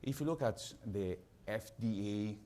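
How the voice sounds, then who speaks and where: A man's voice: on the low side, dark tone, slight background noise. Italian-accented man on a panel. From Italy. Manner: measured, explains with figures, slightly halting English. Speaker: panelist, pharma executive. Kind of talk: conference panel talk.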